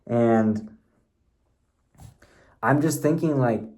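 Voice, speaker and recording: A man's voice: mid-range voice, drawn-out words, a little mellow. A young man rambles into his camera at home, telling a story in loose, slangy chat. He swears casually and drifts from one thought to the next. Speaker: vlogger. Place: at home, bathroom nearby.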